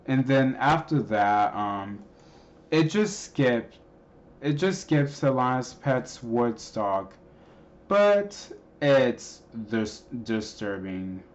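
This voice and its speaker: A man casually explaining a creepy cartoon clip, rambling with many pauses and restarts. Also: medium pitch, big pitch swings, lo-fi sound. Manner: hesitant, many ums and restarts. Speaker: video narrator explaining a clip.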